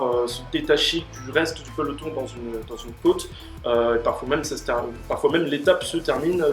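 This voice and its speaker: A man hosting a question-and-answer video, explaining at length with many fillers and restarts. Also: mid-range voice. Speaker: host answering questions on cycling. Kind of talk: casual explanatory Q&A. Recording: roomy room with faint music.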